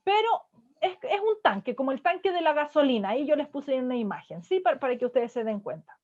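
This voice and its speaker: A woman's voice: high-pitched, very animated, fast talker, darkish tone. A woman counselor giving a parenting lecture to an audience, checking in with her listeners again and again through short tag questions. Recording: dull lo-fi sound.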